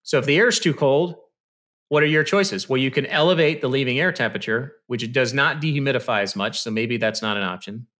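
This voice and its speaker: Speaking a little fast in a bright, mid-range voice, a man explains HVAC in a technical slide presentation. His style is conversational and stepwise, full of "you know" and "okay." He records in a small indoor room with a stand-mounted studio mic and headphones over a video call.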